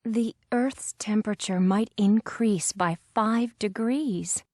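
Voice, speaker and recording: A woman on a textbook recording reading example sentences with clear enunciation. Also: mid-range voice, slow, a little mellow, no room sound, studio quality. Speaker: speaker on a textbook audio.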